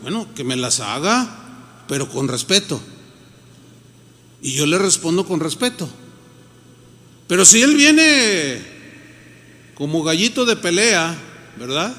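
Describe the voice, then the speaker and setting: A man's voice: fairly high pitch, sing-song, slow pace, long pauses, sharp tone, big-room sound. A Mexican man, a pastor, preaching a sermon in a conversational way and acting out the people he quotes.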